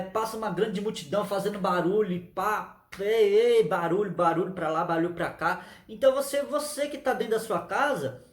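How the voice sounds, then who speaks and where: A man's voice: high-pitched, echoey room. A man preaching a sermon, retelling a story with emphatic repetition and calls of aleluia.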